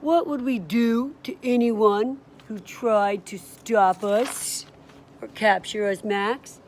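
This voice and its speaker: A woman's voice: medium pitch, slow pace, darkish tone, a little hiss or hum, lightly acted. A woman reading aloud voices a sly, boastful male art thief with a showy, grandiose manner. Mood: scheming.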